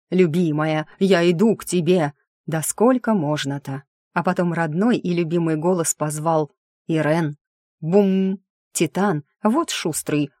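Low-voiced woman, wry audiobook narration. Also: a little mellow, no echo, clean studio sound. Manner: wry, sardonic inner-monologue delivery. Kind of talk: first-person audiobook narration.

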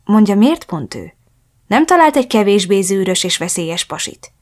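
A woman voicing a wary, bitter young man in an audiobook, speaking softly and subdued. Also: mid-range voice, sing-song.

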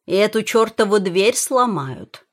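A woman's voice: fairly low pitch, measured pace. Woman voicing a hot-tempered young prince. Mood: angry. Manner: commanding, shouting. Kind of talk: audiobook character voice.

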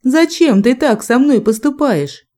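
A proud young male demon, as a woman reads him, growling and defiant. The tone stays mellow and warm under the anger, told as a storybook reading. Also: medium pitch, normal speed, lightly acted. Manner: growling, angry.

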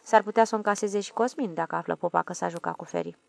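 Woman audiobook narrator, calm and measured, with a gravelly voice. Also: mid-range voice.

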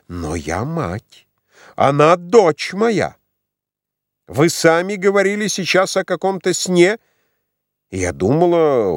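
A haughty, demanding matron, as a male narrator puts her on, pressing hard with sweeping rises and falls in a fairly high register. Her insistence rings close and dry in the storybook reading. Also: dry recording. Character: indignant imperious middle-aged mother. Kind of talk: audiobook reading.

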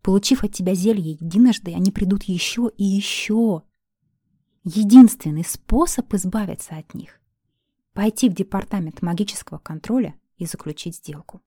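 A woman voicing the first-person heroine, an ironic, sharp-tongued young potion-maker who answers her friend with dry mockery and firm commands. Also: mid-range voice, normal speed, dry recording, natural voice.

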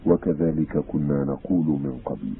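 Man reading gentle tender mother, soft-spoken, very deep voice, faint hiss. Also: normal speed, gravelly. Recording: tinny phone-like sound, faint hiss.

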